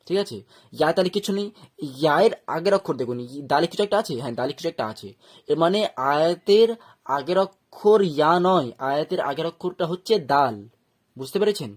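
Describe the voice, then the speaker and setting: A man's voice: fairly high pitch, expressive, a little fast. A man with a Bengali accent teaching Quran reading step by step, breaking words into syllables and often checking that learners follow. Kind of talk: step-by-step recitation lesson.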